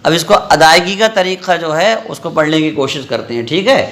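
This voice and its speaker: A man's voice: on the high side, expressive, a little fast, fairly bright tone. A man teaching a Quran reading lesson in a classroom. He drills syllables one by one and keeps checking that his students follow. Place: madrasa classroom with students present. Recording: roomy echoey classroom.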